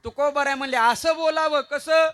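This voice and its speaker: A man with a Marathi accent preaching a devotional kirtan sermon, mixing jokes and stories with slowly chanted verses. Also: very high voice, steady tone, a bit bright.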